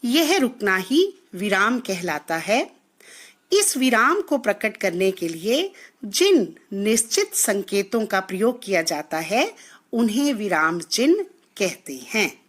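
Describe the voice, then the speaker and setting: A woman teacher giving a classroom lesson, explaining slowly and deliberately and working through example sentences. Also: mid-range voice, very animated.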